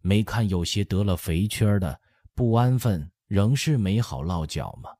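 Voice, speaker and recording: A man voicing an eighty-year-old empress dowager who gently lectures her son in an audiobook. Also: on the low side, lively intonation, dry recording, clean studio sound. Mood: motherly. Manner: soothing, lecturing, drawn-out chatty. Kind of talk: audiobook character voice.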